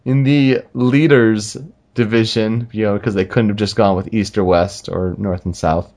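A man co-hosting a casual sports talk show, making relaxed, talkative predictions about college football. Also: on the low side, moderate pace. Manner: relaxed, talkative, spells out names. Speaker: sports podcast co-host.

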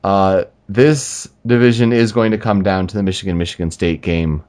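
A man co-hosting a casual sports talk show, making relaxed, talkative predictions about college football. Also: sits low, moderate pace. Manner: relaxed, talkative, spells out names. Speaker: sports podcast co-host.

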